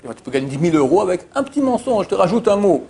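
A man's voice: high voice, fast talker, gravelly, husky. A man giving an informal Torah class, telling anecdotes with emphatic repetitions and many hesitations. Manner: animated storyteller, emphatic repetitions, frequent filler "euh". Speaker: Torah teacher. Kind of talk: informal religious teaching with anecdotes.

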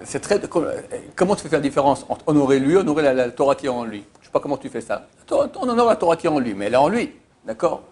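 A husky, fairly high male voice races along as he teaches Torah informally. He tells anecdotes like an animated storyteller, repeating himself for emphasis. Hesitations come often, usually as "euh."

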